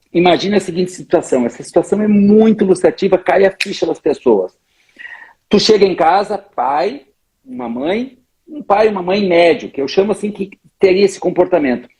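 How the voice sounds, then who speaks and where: A man speaks in a husky, slightly breathy voice that sits high for a man. He talks emphatically, illustrating his points with little stories in a conversational interview. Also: animated, moderate pace, a little mellow. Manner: emphatic, tells stories, often addresses the other speaker by name. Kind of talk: animated conversational explanation.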